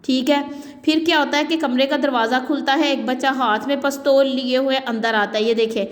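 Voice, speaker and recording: A woman's voice: sits high, steady tone. A woman teacher reading a play aloud for a class, explaining each scene and acting out the characters' lines. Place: classroom or school room. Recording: echoey room with long reverb.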